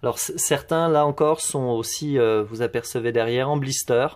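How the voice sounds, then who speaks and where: A man's voice: medium pitch, normal speed. A man giving a casual show-and-tell tour of his collection, hesitant, with many fillers and restarts.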